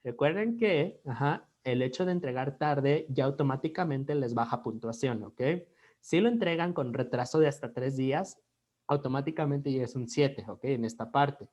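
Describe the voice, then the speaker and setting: A male English teacher with a Mexican accent goes through a grading rubric in an online class. He mixes Spanish and English and keeps checking in with "ok?" between short phrases. His pitch sits in a middling range for a man. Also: moderate pace, a little mellow. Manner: switches between Spanish and English, says "ok?" after nearly every phrase.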